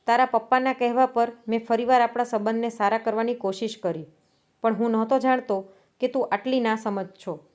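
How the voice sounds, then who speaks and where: A woman's voice: on the high side, fairly even intonation, a little fast, a little mellow, natural voice. A woman voicing an earnest young husband in a storybook reading, with a pleading, earnest delivery. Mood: angry. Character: earnest young husband, hurt but reasonable.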